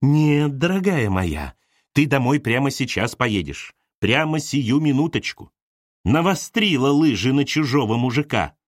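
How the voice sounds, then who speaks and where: A shrill young woman screaming with jealousy, put on by a male storybook reader, her pitch swinging wildly up and down. the dry close recording leaves no room sound. she's loud and tearful and never lets up. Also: lively intonation, unhurried, no room sound. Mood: furious. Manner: shrill, sobbing and screaming accusations.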